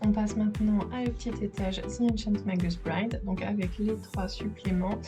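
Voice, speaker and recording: A woman giving a casual, enthusiastic home vlog tour of her bookshelves in her living room, filming with a handheld camera and pausing with fillers as she talks. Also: mid-range voice, fairly even intonation. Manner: chatty, enthusiastic, filmed while handheld, with filler pauses. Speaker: manga collector vlogger. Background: background music.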